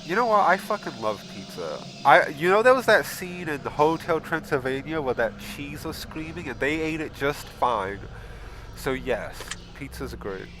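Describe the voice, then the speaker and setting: A man hosting a casual gaming video, reading questions aloud and answering them bluntly, with frequent swearing and loud exasperated outbursts. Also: on the high side, expressive, normal speed, a little hiss or hum. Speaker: gaming channel host. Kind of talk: casual game commentary.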